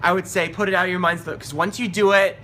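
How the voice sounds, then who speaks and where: Bright-voiced man, rambling and halting. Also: sits high, fairly even intonation, a little hiss or hum. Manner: rambling, halting, repeats words. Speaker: movie reviewer. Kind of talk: informal spoken commentary. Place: New York area.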